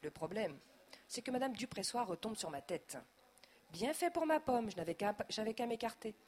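A woman narrating a children's audiobook in a lively, expressive voice. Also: a little high, normal speed.

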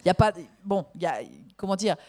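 A woman taking part in a discussion, speaking hesitantly with many pauses and fillers. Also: medium pitch, steady tone, a little mellow.

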